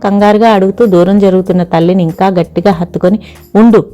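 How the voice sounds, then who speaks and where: A woman reading a family story aloud as the narrator of an audiobook channel, steady and expressive. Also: mid-range voice, quick pace, faint music behind.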